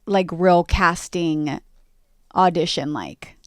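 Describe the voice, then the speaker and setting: A woman's voice: lowish voice, takes it slowly, dry recording, studio quality. A woman hosting a casual interview, encouraging her guest and asking short questions. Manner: encouraging with frequent "yeah" and "mm-hmm". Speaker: host.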